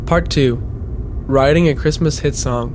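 A man, a podcast host, reading scripted comic narration in a deadpan, mock-grandiose way. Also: mid-range voice, unhurried, background noise.

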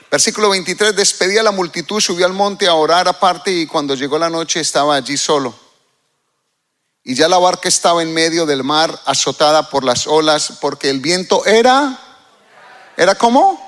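A man's voice: on the high side, fairly bright tone. A middle-aged male pastor from Colombia, preaching a sermon and reading scripture aloud with dramatic emphasis while asking his congregation questions. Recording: long hall reverb.

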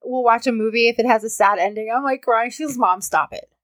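A woman's voice: on the high side, steady tone, quick pace, dry recording. A woman guest telling personal stories in a casual, chatty way, full of filler words. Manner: chatty storyteller, many filler "like"s. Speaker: podcast guest. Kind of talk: casual chat.

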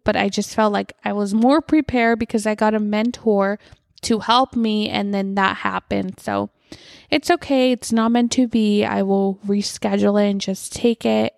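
Podcast host, woman in her thirties, casual rambling chat, some vocal fry, dry close recording. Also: medium pitch, a little mellow, no room sound. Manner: chatty, rambling, frequent "like". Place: inside her house at night.

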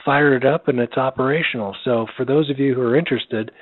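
A man acting as net control on a ham radio net, talking in a friendly, halting way with many fillers. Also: mid-range voice, breathy edge, no room sound. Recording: dry tinny radio audio.

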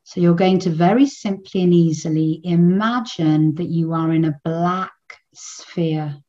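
A woman with a lowish, warm voice guides a meditation, soothing and unhurried, leaving long pauses between phrases. The sound is lo-fi.

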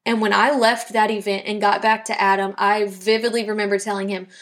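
A woman's voice: mid-range voice, little pitch movement, a little fast, a bit bright. A young woman from South Louisiana telling her personal faith testimony on a podcast in an earnest, reflective way. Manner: earnest, reflective storytelling with quoted dialogue. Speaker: podcast host.

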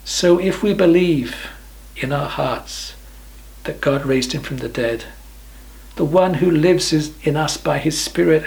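Gravelly-voiced male preacher reading scripture. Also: a little high, poor audio. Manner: reads scripture slowly, trails off softly at phrase ends. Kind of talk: sermon.

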